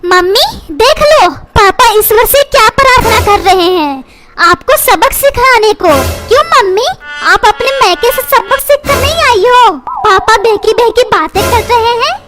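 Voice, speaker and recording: A defiant cartoon kid who bosses his parents around, in a squeaky, piping voice, as a woman plays him. Loud music plays right under him. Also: animated, a little slow. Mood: cheeky. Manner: defiant, bossy. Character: cheeky young boy who talks back to his parents.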